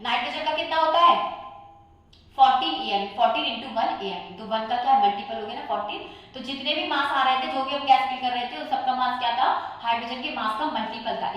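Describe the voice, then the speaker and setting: High-voiced woman teacher in an echoey room. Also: a bit bright. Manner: poses questions and answers them herself. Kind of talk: exam-prep chemistry lecture. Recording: very echoey room, voice far from mic.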